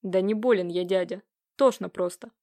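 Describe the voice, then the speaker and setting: A gloomy, heartsick young nobleman, as a woman reader plays him, speaking low and muffled. His lines come out sullen and curt. The storybook voice sits at an ordinary middle pitch. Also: moderate pace, warm tone, dry recording, studio quality, lightly acted.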